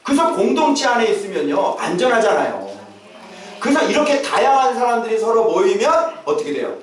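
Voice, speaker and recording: A man preaching a sermon as a pastor, who often shouts out acted calls to his congregation. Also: high-pitched, sing-song, fairly quick. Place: church sanctuary. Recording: echoey church hall, mic at a distance.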